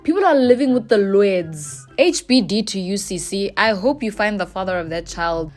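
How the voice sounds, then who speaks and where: A woman's voice: medium pitch, expressive, moderate pace, a little mellow, soft background music. A South African woman frankly giving advice as she reacts to viewer confessions, playful and slangy. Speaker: YouTuber reading viewer confessions. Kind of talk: casual advice chat.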